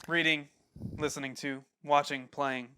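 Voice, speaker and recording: Male podcast host, casual and upbeat, bright tone, dry close mic. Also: fairly high pitch, flat delivery, unhurried, clear, resonant tone, no echo.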